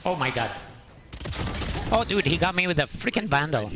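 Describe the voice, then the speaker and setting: A man's voice: a little high, sing-song, moderate pace, a crowd in the background. A young Filipino-accented man raging at a shooter game as he plays, exclaiming and cursing in exasperation into a headset mic. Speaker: gamer streaming a shooter match. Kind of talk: gaming commentary with casual swearing. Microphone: headset microphone. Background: game gunfire and music.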